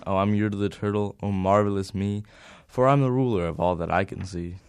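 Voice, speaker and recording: Woman reader doing a deep-voiced blustering turtle king for a storybook; low, smooth, self-important. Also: fairly even intonation, fairly quick, a little mellow, no echo. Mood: gloating. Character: pompous boastful male turtle king.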